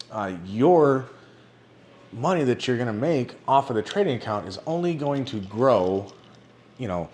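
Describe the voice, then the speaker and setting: A man with a lowish voice talks through an explanation in a casual, unscripted way. He is conversational and informal, often dropping in "you know". The recording carries a faint layer of noise. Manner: informal, conversational, frequent 'you know'. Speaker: presenter explaining a crypto project.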